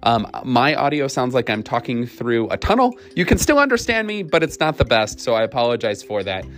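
A man's voice: medium pitch, very animated, fairly quick, a bit bright, faint music behind. Podcast host, man, 30s, friendly and full of ums, recorded over a video call with tunnel-muffled audio. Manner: friendly, with many ums and uhs. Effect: muffled audio, as if talking through a tunnel. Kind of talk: casual faith podcast chat.

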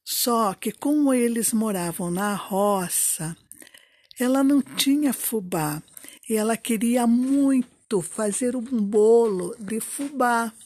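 A woman telling a children's story in a drawn-out, expressive way. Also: fairly high pitch, no echo.

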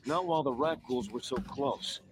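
A man's voice: mid-range voice, normal speed, background noise, close to an everyday voice. A man playing a grim, anxious village gatekeeper in a video game, speaking with emphatic, dutiful formality. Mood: regretful. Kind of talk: video game character acting.

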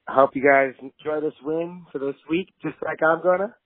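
A man leaving an excited, casual voicemail for a podcast host, full of slang and swearing. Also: on the high side, normal speed, dry recording. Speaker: caller. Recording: dry tinny phone line.

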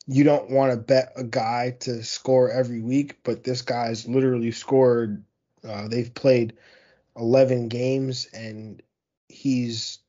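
A man hosts a fantasy football show, working through the week's receiver stats in a casual, rambling monologue. He keeps doubling back with fillers and restarts. His voice sits at an ordinary middle pitch, and the recording sounds a little dull and lo-fi. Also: darkish tone. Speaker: fantasy football podcast host. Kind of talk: casual sports analysis monologue.

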